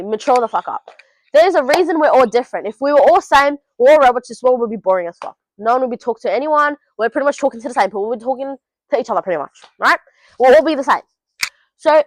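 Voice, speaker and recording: A high-pitched teenage voice from Australia delivers no-nonsense, sweary advice directly to camera in a relaxed home vlog. The audio is poor but has no room sound.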